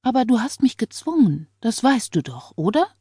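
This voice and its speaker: A woman's voice: fairly high pitch, very animated, moderate pace, mellow, husky, no room sound, clean studio sound, pitched above the performer's own voice. A woman reader voicing a controlling husband who scolds and soothes with menace. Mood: falsely tender.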